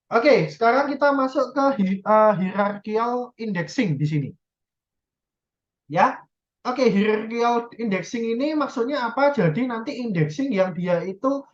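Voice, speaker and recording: Woman lecturing, dull lo-fi recording. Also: medium pitch. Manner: explains step by step, often checks "ya" and self-corrects.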